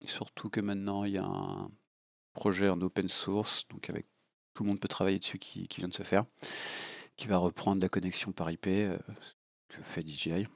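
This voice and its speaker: A gravelly, low-voiced man with a cold reviews FPV drone gear casually and off the cuff, bluntly and crudely, rambling with lots of fillers. His pitch barely moves and his speed is normal. The recording is dry, captured on a low-level home mic.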